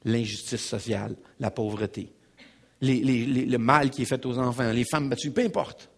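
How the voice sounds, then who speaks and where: A man preaching a sermon with a Québécois French accent, emphatic and animated, repeating phrases and addressing the congregation directly. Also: medium pitch, normal speed, gravelly, breathy edge. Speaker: pastor.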